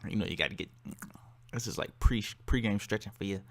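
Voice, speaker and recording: A man's voice: on the low side, brisk, fairly bright tone. An American man talking casually to viewers as a video creator, in a slangy, laid-back way. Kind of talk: casual challenge vlog.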